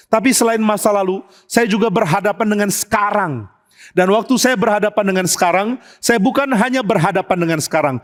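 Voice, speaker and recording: A man preaching a sermon as pastor, telling stories with humor and acting out bits of dialogue. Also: sits high. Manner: humorous storytelling, acts out dialogue. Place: church sanctuary. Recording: long church hall reverb.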